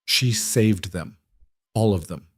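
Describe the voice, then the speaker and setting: A man's voice: lowish voice, slow pace, dry recording, studio quality. A man voicing a harried female healer who speaks urgently and tensely.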